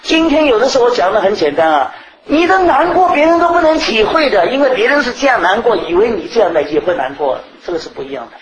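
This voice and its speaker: A man preaching a sermon, telling stories from his own life and swinging between loud, high bursts and quiet asides. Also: a little hiss or hum, poor audio. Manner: animated, rising and falling sharply in pitch and volume.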